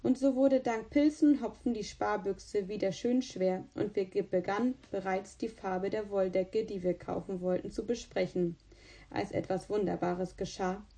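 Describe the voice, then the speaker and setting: A woman narrating a storybook in the first person, with a calm and even delivery. Her voice is mellow and dark-toned, at a middling pitch. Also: normal speed. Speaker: audiobook reader.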